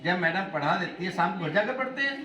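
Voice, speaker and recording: Man, middle-aged, motivational speaker, high lively voice, echoey hall, distant mic. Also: quick pace. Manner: animated, asks the class questions, mixes in English phrases. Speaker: motivational speaker addressing students. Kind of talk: classroom talk to schoolchildren.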